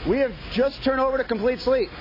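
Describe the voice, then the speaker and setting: Out of breath on a snow-covered city street, a man with a Baltimore accent reports the weather live in a cheerful, folksy way, talking to viewers as folks. His pitch is extremely high, his intonation fairly even, and he talks fairly quickly. Crowd noise and faint hiss sit under dull broadcast audio.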